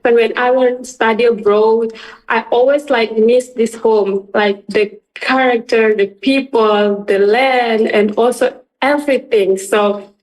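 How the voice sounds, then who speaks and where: A woman's voice: a little high, fairly even intonation, a little slow, distant mic, poor audio. A young woman from Papua, Indonesia, answering questions in a casual radio interview, hesitant, with many fillers and laughs. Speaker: guest.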